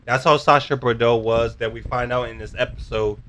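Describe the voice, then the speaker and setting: A man talks through a show recap in a loose, rambling way and keeps circling back to the same filler words. His voice is bright and forward, at an ordinary middle pitch. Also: steady tone, a little fast. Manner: rambling, full of "basically", searches for words. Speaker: co-host of a show review. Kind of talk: casual recap chat.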